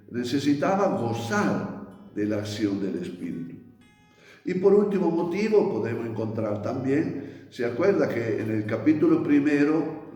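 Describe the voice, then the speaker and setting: A man slowly teaching a Bible lesson in a reflective way, with many restarts and pauses. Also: mid-range voice, warm tone. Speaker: priest teaching a Bible study. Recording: echoey hall with faint music.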